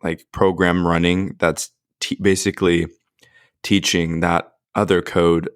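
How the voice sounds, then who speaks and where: Guy on a podcast, low smooth voice, pretty monotone, says like a lot. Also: a little slow, no echo, clean studio sound. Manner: thinks aloud, with many filler likes. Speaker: podcast co-host. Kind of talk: casual discussion.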